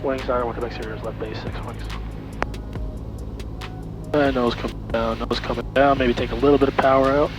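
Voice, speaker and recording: A man working as a flight instructor, giving calm, reassuring step-by-step instructions over a cockpit headset intercom, often repeating short commands. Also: medium pitch, brisk, long pauses, over loud music. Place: small plane cockpit in flight. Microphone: aviation headset intercom.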